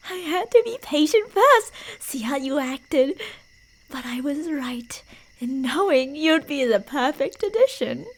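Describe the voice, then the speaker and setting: Using a high voice, a woman performs an ASMR roleplay as a delusional, teasingly threatening yandere murderer, lilting in sing-song and slipping into breathy whispers.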